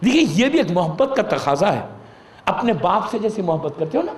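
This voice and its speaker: A man's voice: sits high, very animated. A man with an Indian Urdu accent giving a sermon, explaining with everyday examples, mixing in English words and urging listeners directly. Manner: pleading, urges listeners directly. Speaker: Shia cleric giving a majlis sermon. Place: religious gathering hall. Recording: echoey hall.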